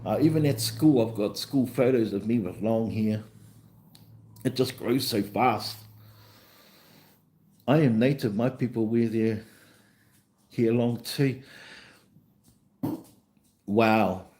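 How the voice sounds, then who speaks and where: A man with a New Zealand accent, a vlogger, hosts a casual livestream chat, rambling easily and often repeating himself. His voice sits lowish and warm, and he speaks slowly with frequent pauses.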